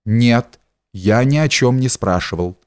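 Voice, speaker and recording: A man's voice: medium pitch, a little slow, a little mellow, clear, resonant tone, lightly acted. A man reading the part of a reserved young man in an audiobook, answering in a curt, restrained way. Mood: cold.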